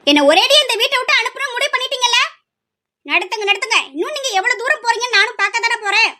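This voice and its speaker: A woman playing a shrill, furious young woman. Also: fast, sharp tone. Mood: angry. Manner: shrill, snapping, threatening. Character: furious young woman refusing her arranged marriage. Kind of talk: amateur family drama.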